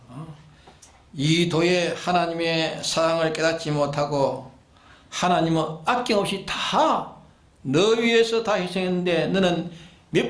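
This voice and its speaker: Male pastor, high pitch, preaching in a reverberant sanctuary, drives home repeated commands and rhetorical questions. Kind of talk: sermon. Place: church sanctuary.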